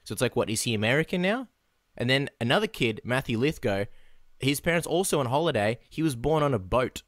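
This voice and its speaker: A man's voice: medium pitch, expressive, brisk, dry recording, clean studio sound. A Polish-born man, co-hosting a casual podcast chat in a rambling, joking way. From Poland. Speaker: podcast co-host.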